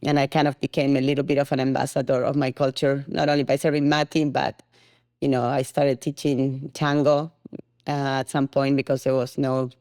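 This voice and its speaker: A woman's voice: rumbling low, level tone, normal speed, a little mellow, no echo, clean studio sound. A middle-aged woman from Argentina with an Argentine accent, a podcast guest talking casually and laughing often, with many "you know" fillers. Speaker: guest, tango studio founder.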